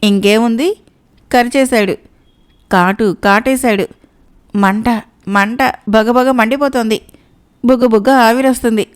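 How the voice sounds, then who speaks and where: A woman's voice: on the high side, fairly even intonation, measured pace, pauses often, clear, resonant tone, lightly acted. A woman voicing Anandayya, a panicky male porter who wails and moans in pain after being bitten. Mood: wailing. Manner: wailing and moaning in pain.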